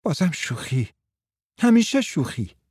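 A man's voice: medium pitch, animated, warm tone, slightly rough, no echo, clean studio sound. A man voicing an agitated young wife who swings between mocking teasing and anxious pleading, read in a storybook.

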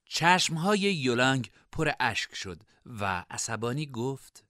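A man narrating a scripted storybook in an expressive reading style. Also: mid-range voice, no echo, studio quality.

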